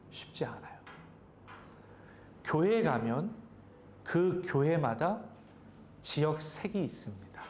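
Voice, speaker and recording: A man's voice: fairly high pitch, darkish tone, a little hiss or hum. A male pastor preaching a sermon in a conversational way, asking the congregation questions. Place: church sanctuary.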